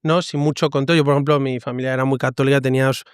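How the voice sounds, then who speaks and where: A man's voice: mid-range voice, little pitch movement, racing, clear, resonant tone, no echo, studio quality. A man, a priest, hosting a conversational interview, asking questions and often adding short tag questions.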